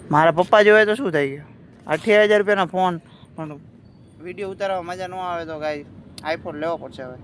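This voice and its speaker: A man's voice: high voice, a little fast. A young man vlogging outdoors on a walk, chatting and teasing a friend, filmed on a phone. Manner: chatty, teasing, addresses viewers directly. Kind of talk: casual walking vlog. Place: outdoors by a riverfront. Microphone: phone held by a friend.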